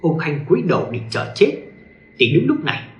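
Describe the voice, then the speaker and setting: A man tells a ghost story with dramatic flair. His voice is a little high and moves up and down a lot, and the recording carries a clear room echo. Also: sing-song, normal speed, lo-fi sound. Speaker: narrator. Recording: echoey room.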